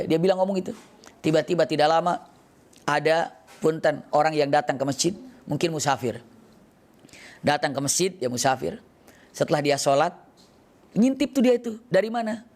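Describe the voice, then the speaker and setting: A male preacher telling a story in a sermon, acting out the characters' lines with lively shifts. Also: on the high side.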